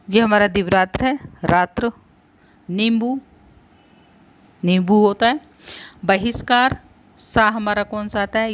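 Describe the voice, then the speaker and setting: A woman teaching spelling at a middle pitch. She is patient and careful, spelling words out piece by piece and repeating what matters, in plain classroom talk mixed words. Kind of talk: spelling lesson for exam prep.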